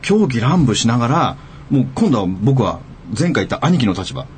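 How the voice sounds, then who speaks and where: A man's voice: mid-range voice, normal speed, a little hiss or hum. A man telling a long anecdote on a radio talk show, acting out the quoted lines. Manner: animated storyteller acting out quotes. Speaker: radio guest storyteller. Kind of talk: casual radio chat.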